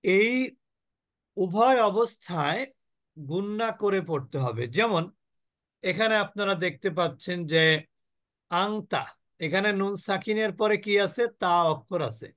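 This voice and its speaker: A male teacher with a Bangladeshi Bengali accent leads an online tajweed class, his voice sitting high. He talks unhurriedly, putting questions to the class and answering them, then stretches each sound out so students can follow. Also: fairly bright tone. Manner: explains rules, then drags out sounds very slowly for the class to copy. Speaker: Quran recitation teacher. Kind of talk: online tajweed lesson with slow recitation drills.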